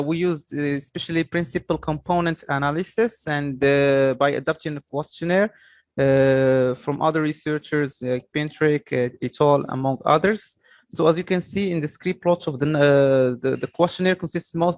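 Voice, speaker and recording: Young man presenting, haltingly. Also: fairly high pitch, no echo. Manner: hesitant, halting delivery with repeated words. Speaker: student presenter. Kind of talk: academic presentation.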